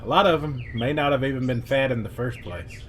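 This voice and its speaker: Emphatic man giving opinions, medium pitch. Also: brisk, background noise. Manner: emphatic, plain-spoken. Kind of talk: casual opinion vlog.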